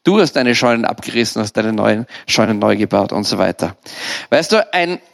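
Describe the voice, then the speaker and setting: A man's voice: on the low side, expressive, normal speed, creaky. A man preaching a sermon in a direct, conversational way, speaking straight to his listeners.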